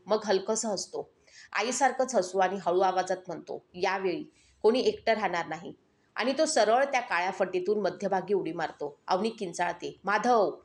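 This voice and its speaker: Female audio-story narrator, dramatic horror telling, mid-pitched. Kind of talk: scripted narration.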